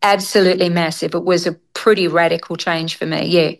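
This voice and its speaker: A woman's voice: fairly low pitch, fairly even intonation, brisk. A woman with an Australian accent, a guest telling her story in a frank, chatty way and laughing easily. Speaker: interview guest. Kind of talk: conversational storytelling.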